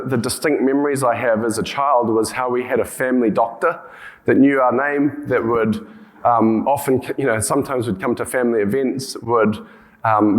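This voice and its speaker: Male conference speaker, broad Kiwi accent, mid-pitched, informal and halting, with repeated words and restarts. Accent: broad New Zealand (Kiwi). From New Zealand. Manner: hesitant, often repeating words and circling back with hedges. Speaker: conference speaker, company co-founder and CEO.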